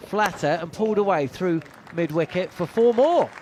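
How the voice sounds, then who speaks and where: A high, animated voice, a little mellow and at normal speed, belongs to this middle-aged cricket commentator; a faint crowd and slight background noise are audible. He calls each ball from the box while telling rambling anecdotes full of "uh."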